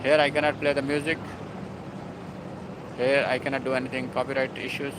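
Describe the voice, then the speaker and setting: A man's voice: mid-range voice, level tone, brisk, noisy background. A man hosting a casual live stream, talking in a rambling, emphatic and repetitive way. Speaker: livestream host.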